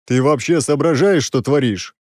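A man voicing an exasperated six-armed male demon who scolds loudly and sarcastically, in a dry, close recording. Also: medium pitch, normal speed, dry recording, pitched above the performer's own voice, natural voice.

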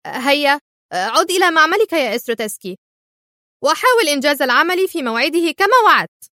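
A ruthless female crime boss barks her commands in a high, cutting voice, as a woman narrator puts her on. She is imperious and quick to anger, the villain of an audiobook thriller. The sound is close and dry. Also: big pitch swings, no room sound, heavily acted. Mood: harsh. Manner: sharp, imperious, snapping orders. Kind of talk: audiobook character voice.

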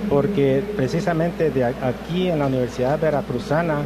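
A man from Guatemala, a guest author answering interview questions in a measured, thoughtful way with frequent hesitations. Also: mid-range voice, over a noisy crowd. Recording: noisy outdoor traffic background.

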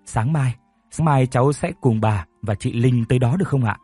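A man voicing a caring young woman who is gentle and determined, speaking in a soothing way. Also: mid-range voice, moderate pace, slightly rough, dry recording, faint music behind, close to an everyday voice.

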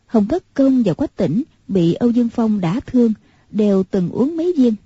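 A woman narrating a martial-arts novel in a steady, measured way. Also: on the high side, breathy edge, no room sound. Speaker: audiobook narrator. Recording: muffled lo-fi recording.

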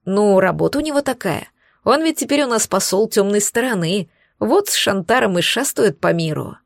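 A woman reading the part of a motherly, sly demoness who reassures in a calm, teasing tone. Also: medium pitch, normal speed, vocal fry, no echo, clean studio sound. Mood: reassuring.

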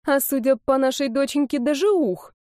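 A woman's voice: sits high, moderate pace, dark tone, no echo, clean studio sound, pitched above the performer's own voice, lightly acted. A woman voicing an amused young female friend who stretches out her exclamations and can't hide a smile. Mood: delighted.

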